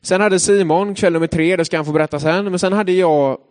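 A young man giving a casual, chatty devotional talk, telling a personal story and pausing often with hesitation sounds. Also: high-pitched, a little mellow.

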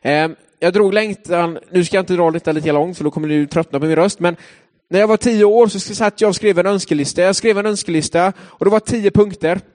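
A young man giving a casual, chatty devotional talk, telling a personal story and pausing often with hesitation sounds. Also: sits high, a little mellow.

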